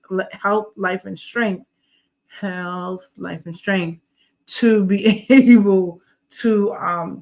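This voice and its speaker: A woman co-hosting a casual podcast, speaking slowly and reflectively with religious references. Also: lowish voice, fairly bright tone. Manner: slow, reflective, religious talk. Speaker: podcast co-host. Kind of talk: casual chat.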